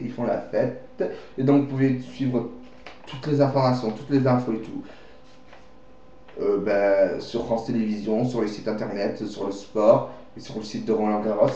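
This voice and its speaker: A man's voice: lowish voice, dark tone, a little hiss or hum. A man presenting a home-made mock news bulletin, rambling, joking and often correcting himself. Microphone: webcam. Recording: dull, echoey webcam recording.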